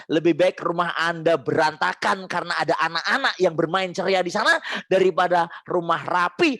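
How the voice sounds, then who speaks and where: A man's voice: fairly high pitch, a bit bright, no room sound, clean studio sound. A man in his forties giving a parenting webinar lecture. He speaks animatedly, acts out little scenes and laughs at his own jokes.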